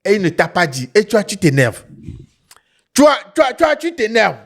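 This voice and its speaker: Sing-song and unhurried, this man's high, fairly bright voice carries a West African French accent. On his online talk show he gives emphatic, lively storytelling commentary to viewers, repeating phrases and tagging them with little questions.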